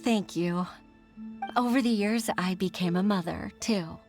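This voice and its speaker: Voicing a modest, slightly hesitant middle-aged secretary and mother for a video game, a woman delivers heartfelt lines broken by soft laughs. She speaks at medium pitch and a measured pace, in something close to her everyday voice, over the game's soundtrack music.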